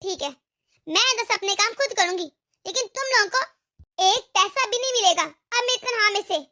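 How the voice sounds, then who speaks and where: A woman's voice: very high-pitched, normal speed, bright, forceful tone. A woman voicing a bold, demanding young working wife in a cartoon, with a bossy manner. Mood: angry. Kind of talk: cartoon voice acting.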